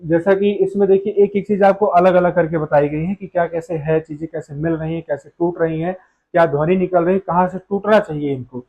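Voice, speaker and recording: Guy with a pretty high voice walking through a grammar class, keeps asking and answering himself. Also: fairly even intonation, fairly quick, phone-quality sound. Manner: explains step by step, asks and answers his own questions. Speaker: Hindi grammar teacher. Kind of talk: online grammar lesson.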